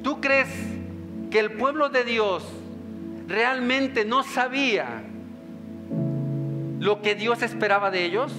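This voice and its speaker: A man preaching a sermon with a high voice. He keeps asking the congregation rhetorical questions. Music plays faintly under a long, reverberant church echo. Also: slow, pauses often. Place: church hall.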